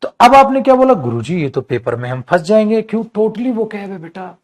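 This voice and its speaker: A middle-aged male teacher runs an exam-prep English class, coaxing his students along. His fairly high voice swings up and down as he drags out key words and reads the example sentences slowly. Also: lively intonation. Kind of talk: online exam-prep lesson.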